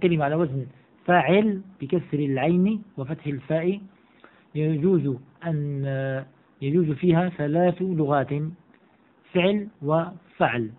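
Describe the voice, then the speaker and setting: A man teaching a classical grammar text, reading each line aloud and then explaining it and repeating the examples slowly. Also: fairly high pitch. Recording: tinny, phone-like audio.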